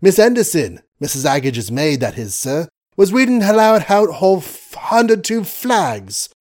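A man's voice: high voice, very animated, unhurried, a little mellow, pitched above the performer's own voice. A man doing an eager, deferential valet.

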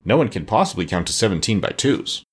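A man voicing an earnest, sharp-witted young boy in a storybook reading. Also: fairly low pitch, sing-song, fast, slightly rough.

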